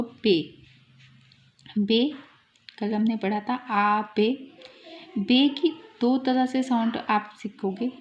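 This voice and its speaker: A woman teaching German in a slow explanatory lesson, repeating and drawing out example words. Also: on the high side, gravelly, darkish tone, slight background noise. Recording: slightly dull lo-fi sound.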